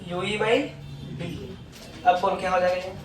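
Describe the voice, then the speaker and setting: A man's voice: high voice, little pitch movement. Male physics teacher, classroom lecture, prods students for replies, recorded far off in an echoey room. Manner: coaxing, asks students for constant confirmation; dictates notes slowly.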